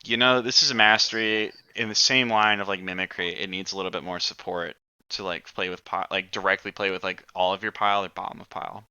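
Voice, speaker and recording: A man's voice: low voice, fairly even intonation, fast talker, bright, forceful tone, clean tone, dry recording, muffled recording. A man hosting a casual gaming chat, talking loosely, swearing freely and filling with "like" and "uh". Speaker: podcast host.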